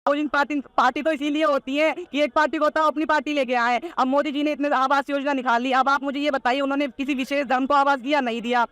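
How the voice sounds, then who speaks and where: A man's voice: extremely high pitch, little pitch movement, fast, few pauses, a bit bright, no echo. A teenage boy giving political opinions in a street interview, rattling them off all in one breath in a combative, insistent way, with repeated points and rhetorical challenges. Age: teenager, not yet of voting age.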